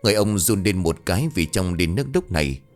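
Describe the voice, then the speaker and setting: A man reading a ghost story aloud in a dramatic, measured way. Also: low-pitched, lively intonation, a little mellow. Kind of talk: scripted ghost story narration. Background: faint music.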